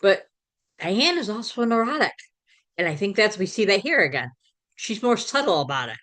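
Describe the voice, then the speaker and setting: A woman hosting a podcast, casually recapping a sitcom episode in a conversational way, with fillers and quick self-corrections. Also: medium pitch, sing-song, fairly bright tone. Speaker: podcast host.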